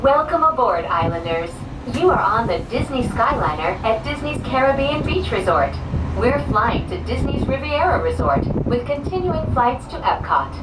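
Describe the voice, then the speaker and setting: A woman giving a polished, welcoming recorded ride announcement, played over a cabin loudspeaker. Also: a little high, very animated, moderate pace, far from the mic. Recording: echoey loudspeaker heard from afar with loud vehicle noise.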